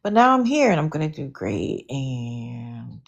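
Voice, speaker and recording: A woman's voice: a bass voice, a little slow, gravelly, highs cut off, pitched below the performer's own voice, heavily acted. A woman imitating a rambling young man in his twenties who mumbles and repeats himself without stopping. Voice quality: mumbling, monotone, repetitive.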